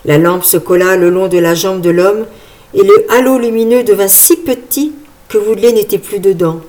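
A woman reading a French-language horror story aloud in a steady, measured storytelling voice. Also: medium pitch. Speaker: narrator.

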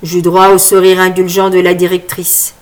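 A woman reading a first-person novel aloud as an audiobook narrator, in a lively, wry storytelling manner. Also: fairly low pitch, normal speed.

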